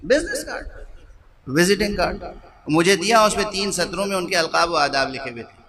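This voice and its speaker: A man's voice: sits high, bright, forceful tone. An older man preaching a sermon at a majlis, rhetorical and questioning, repeating phrases for emphasis. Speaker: cleric giving a majlis sermon. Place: majlis gathering hall.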